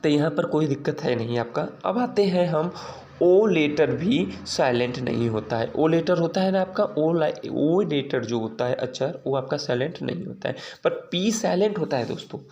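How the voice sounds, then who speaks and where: A man's voice: fairly high pitch, expressive, moderate pace, a little mellow, slight background noise. A man giving a casual, patient lesson to his students, repeating his tag questions often and writing as he explains. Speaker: teacher. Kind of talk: casual classroom-style lesson. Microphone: recording while writing on a board or page.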